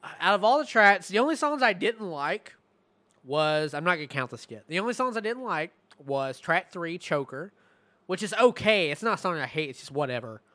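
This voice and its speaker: A man giving a casual, profane album review, rambling and slipping into rapped lyrics, his voice going hoarse. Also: high-pitched, very animated, moderate pace, bright, forceful tone, dry recording. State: losing his voice.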